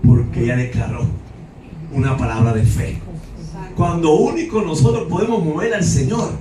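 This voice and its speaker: A man's voice: on the high side, normal speed, a loud crowd. A man preaching a sermon in a church, fervent and emphatic, often breaking in with hallelujahs. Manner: fervent, repeats hallelujah, acts out cries. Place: church hall. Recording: echoey church, mic from a distance.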